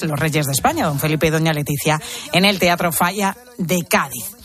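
A woman presenting a radio news feature in a lively, conversational way. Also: lowish voice.

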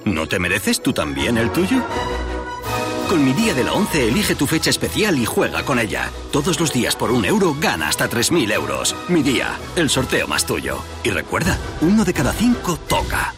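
A man's voice: mid-range voice, huge pitch swings, moderate pace. A man with an accent from Spain reading a scripted advert as a voice-over. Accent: Spanish from Spain. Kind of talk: scripted lottery advert narration. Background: music bed.

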